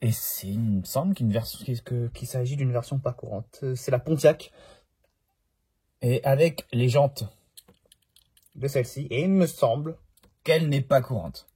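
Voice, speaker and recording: A man's voice: mid-range voice, a little slow, long pauses, dark tone, husky. A man talking casually in a home vlog about his toy car collection, chatty and jokey, often interrupting himself.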